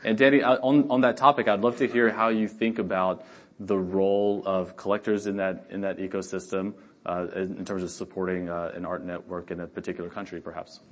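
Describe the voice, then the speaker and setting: Male moderator with a fairly low voice, easygoing intros, gentle humor. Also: little pitch movement, brisk. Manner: friendly, chatty introductions with light humor. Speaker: host, art advisor interviewing guests. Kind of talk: hosted panel conversation.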